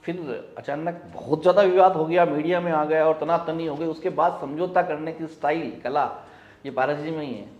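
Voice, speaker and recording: A man's voice: fairly high pitch, steady tone, normal speed, darkish tone, echoey room, muffled recording. A man hosting a local news interview, asking probing, conversational questions.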